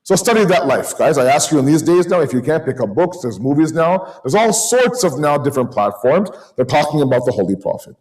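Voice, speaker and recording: Higher-voiced man giving a sermon. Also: big pitch swings, a little fast, few pauses, a little mellow, rough recording. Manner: conversational, storytelling, code-switches into Urdu and Arabic terms.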